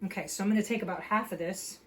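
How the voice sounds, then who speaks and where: A woman's voice: medium pitch, racing, background noise. Chatty woman cooking at home. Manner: chatty, explains steps with many fillers. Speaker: home cook host. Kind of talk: casual cooking demonstration. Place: home kitchen.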